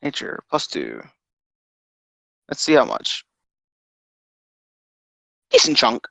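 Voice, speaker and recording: A man playing a tabletop game, casual and halting, often starting his sentences over. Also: a little high, huge pitch swings, creaky, a bit bright, dry recording. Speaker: player.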